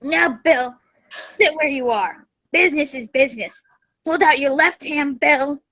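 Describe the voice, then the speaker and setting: A woman's voice: high-pitched, measured pace, a bit bright, poor audio. A woman playing a menacing blind old male beggar pirate in a radio play, wheedling or sharply commanding. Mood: cold, commanding.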